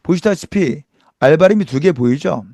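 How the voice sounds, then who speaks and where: Middle-aged male pronunciation teacher, emphatic and animated, fairly high pitch. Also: normal speed, no echo. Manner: emphatic, rhetorical questions, demonstrates sounds. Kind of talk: lively online lecture.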